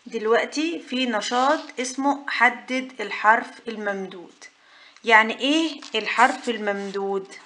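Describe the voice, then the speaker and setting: A woman's voice: on the high side, moderate pace, pushed and bright, slight background noise. Patient Egyptian woman teaching Arabic. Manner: patient, asks and answers her own questions. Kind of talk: whiteboard lesson for mothers.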